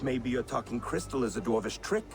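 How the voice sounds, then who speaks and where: An uneasy Viking henchman from a game, acted by a man, respectful and hesitant before his lord. His mid-pitched voice moves up and down a lot, over loud music. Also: expressive, fairly quick, natural voice. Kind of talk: dramatic video game acting.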